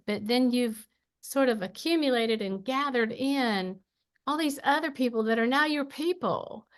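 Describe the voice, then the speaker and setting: A woman with an Appalachian twang moderating a literary panel, folksy and quick to laugh. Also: fairly high pitch.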